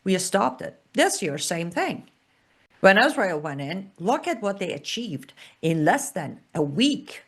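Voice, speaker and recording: An Iranian woman hosts her own political show, delivering an emphatic, sarcastic opinion monologue full of punchy repeated phrases. Her medium-pitched voice is husky and a bit bright, swinging widely in pitch at a slightly slow pace.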